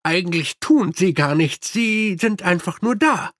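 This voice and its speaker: Man playing army captain, deadpan, drily ironic, slow, hesitant, higher voice, dry. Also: no echo.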